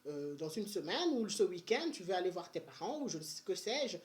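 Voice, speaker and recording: A woman's voice: fairly low pitch, a little fast. Chatty woman vlogger. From Benin. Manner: chatty and energetic, with many fillers and restarts. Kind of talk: casual money-saving advice vlog.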